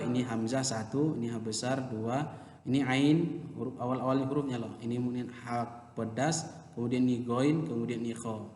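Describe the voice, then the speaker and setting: A man teaching children Quran recitation rules in a casual lesson, who explains slowly, then chants the verse examples in a drawn-out recitation tone and trails off into quiet asides. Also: mid-range voice, slight background noise. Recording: echoey room with long reverb.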